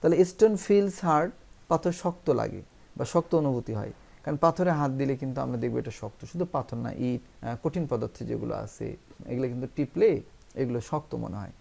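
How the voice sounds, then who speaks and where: A man's voice: mid-range voice, expressive, creaky, dark tone. Emphatic Bangladeshi man teaching English. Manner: slow, drawn-out English example sentences, emphatic repetition. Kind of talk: spoken English lesson in Bangla.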